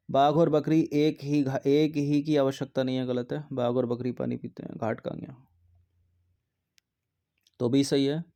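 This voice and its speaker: A man's voice: medium pitch, mellow, smooth. A man teaching Hindi grammar, reading out exam questions and their answer options, then explaining methodically which one is correct.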